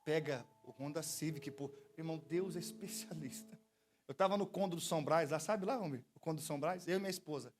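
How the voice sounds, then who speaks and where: Soft music underscores a pastor's sermon as he speaks briskly in a higher-leaning voice with a Brazilian Portuguese accent. He keeps the church service lively with humorous stories and has the congregation echo his words back.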